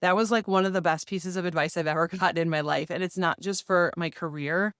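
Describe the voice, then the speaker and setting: A woman's voice: lowish voice, steady tone, a little fast, fairly bright tone, clear, resonant tone, no room sound, studio quality. A woman in her forties talking casually and earnestly straight to the viewer about her fitness year. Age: 40s. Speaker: fitness vlogger. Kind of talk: casual direct-to-camera talk.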